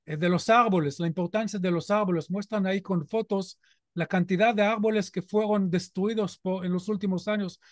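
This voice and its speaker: A man's voice: high voice, steady tone, normal speed, no room sound, clean studio sound. A middle-aged man with an Israeli accent who speaks earnestly and emphatically as a guest speaker. He keeps checking in with his listeners through rhetorical questions. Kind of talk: informal talk to a community audience.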